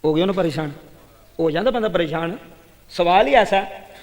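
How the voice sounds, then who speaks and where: A man's voice: high voice, expressive, brisk. A man with a Pakistani Punjabi accent preaching a fervent storytelling sermon and speaking straight to his listeners. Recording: long hall reverb.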